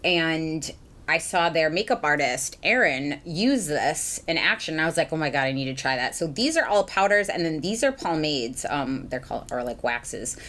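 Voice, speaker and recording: A young adult woman from Massachusetts, a beauty vlogger, chats casually through her makeup routine in a get-ready-with-me style, rambling with lots of ums and likes. Her voice is low-pitched and animated, a bit bright, at a normal speed.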